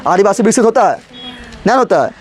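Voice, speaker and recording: A young man teaching a class, repeating each point and constantly firing quick questions back at his students. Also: high-pitched, animated, slight background noise. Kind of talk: classroom lecture.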